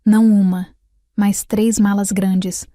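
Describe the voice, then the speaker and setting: A woman telling a sad first-person life story in a somber, measured scripted narration. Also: mid-range voice, little pitch movement, mellow, no room sound, studio quality.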